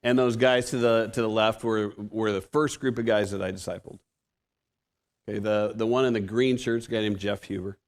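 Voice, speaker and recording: This is a guest preacher in his fifties delivering a conversational sermon in a church sanctuary, his accent from the American Pacific Northwest. He talks at a moderate pace in a lowish voice with fairly even intonation. Self-deprecating, he keeps starting his sentences over.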